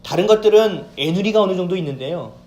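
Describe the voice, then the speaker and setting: A lively male pastor delivers a sermon in a church sanctuary, his high, fast voice echoing through the hall over faint ambience. His preaching is animated: he acts out the voices of people he quotes and puts questions to the congregation.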